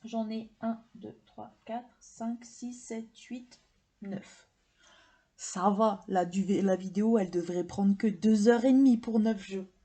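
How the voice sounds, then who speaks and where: Showing off her tarot and oracle deck collection to the camera, a woman chats casually, rambling enthusiastically with lots of fillers. Her mid-range voice is mellow and slightly rough, and she takes it slowly.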